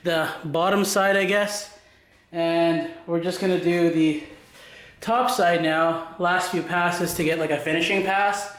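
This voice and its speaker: A man's voice: on the high side, fairly even intonation, measured pace, a bit bright. A man chatting casually in a workshop vlog, out of breath and sweating, talking himself through the job with self-deprecating asides. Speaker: woodworking vlogger. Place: home workshop. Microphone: handheld USB mic. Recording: echoey workshop, faint noise.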